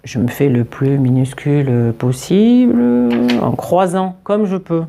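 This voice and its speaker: A young woman reading a children's book aloud in an expressive way, prone to fits of giggling. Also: deep voice, unhurried, slight background noise. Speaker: storyteller.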